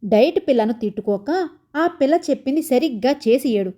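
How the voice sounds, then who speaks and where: A woman's voice: high voice, expressive, brisk, mellow. A woman voicing a blunt female friend who lectures and scolds. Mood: scolding. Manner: bossy, lecturing.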